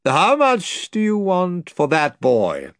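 A man voices a stern, grim nobleman who speaks in clipped commands, his exaggerated voice pitched above his natural one. It's high and fairly bright with wildly swooping pitch and a slow pace, recorded in a clean studio with no room sound.

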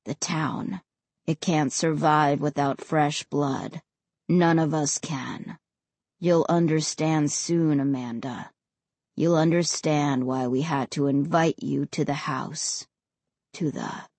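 A woman doing a low, flat-voiced undead boy. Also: takes it slowly, dry recording, full character voice. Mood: grim, flat.

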